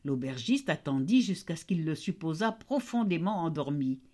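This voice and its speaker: A woman reading a fairy tale aloud in an expressive storytelling voice. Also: sits low, moderate pace.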